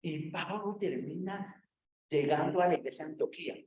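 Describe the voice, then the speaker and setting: Man, Bible teacher, preaching style, repeats himself, speaks to the listeners, fairly high mellow voice. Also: normal speed, roomy sound, poor audio. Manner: conversational, repeats phrases, addresses listeners directly. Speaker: theology teacher.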